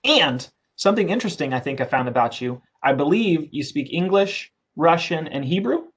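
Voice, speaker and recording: Speaking at normal speed, this interviewer has a slightly high, expressive voice that's a bit bright with a breathy edge. He's a council host who keeps the interview chat casual and friendly, reading out his guest's background along the way.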